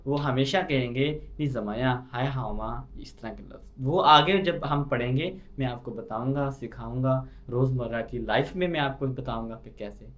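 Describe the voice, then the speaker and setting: A man's voice: mid-range voice, a bit bright, lo-fi sound. A man from Pakistan, teaching a beginner language lesson and repeating each point, often asking a question and then answering it. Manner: repeats key points and asks himself questions. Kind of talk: slow explanatory lesson.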